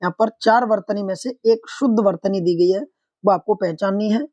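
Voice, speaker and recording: A man's voice: sits high, steady tone, normal speed, darkish tone, no room sound. A man teaching an online exam-prep lesson, explaining answers step by step, putting questions to viewers and calling them friends.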